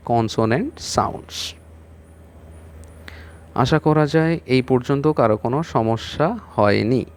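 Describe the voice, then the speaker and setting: Man teaching English spelling in Bengali. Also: mid-range voice. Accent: West Bengal Bengali. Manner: explains patiently, spells words letter by letter and asks the class questions. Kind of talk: exam-prep English lesson taught in Bengali.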